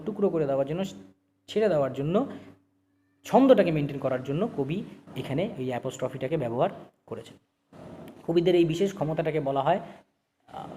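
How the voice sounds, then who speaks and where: A man's voice: fairly high pitch, dark tone. Man teaching a poem in an echoing room. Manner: asks questions and answers them himself, repeats words. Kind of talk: classroom poetry explanation.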